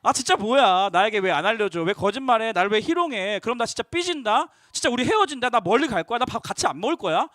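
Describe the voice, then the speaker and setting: A man's voice: very high voice, sing-song, quick pace, few pauses, fairly bright tone, no echo, clean studio sound, exaggerated voice. A male pastor voicing a coy young woman who coaxes and pleads in a cute, whiny way. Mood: pouting.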